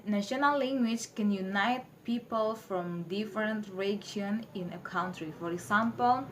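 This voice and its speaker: A young woman from Maluku with an Indonesian accent, giving a class presentation in halting English with many fillers. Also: mid-range voice, a little hiss or hum. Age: young adult. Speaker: student presenter.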